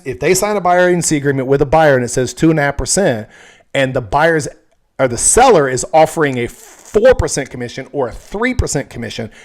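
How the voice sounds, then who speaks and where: Frank man with a slightly high voice. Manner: opinionated, frank, checks in with "okay?". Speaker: real estate agent. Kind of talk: casual explainer to camera.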